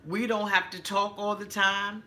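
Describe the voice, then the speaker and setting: A woman's voice: medium pitch, level tone, a little slow, sharp tone. A woman hosting her own channel in a casual livestream monologue, talking emphatically while she decorates a tree, repeating herself for weight and cursing freely. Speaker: YouTube channel host.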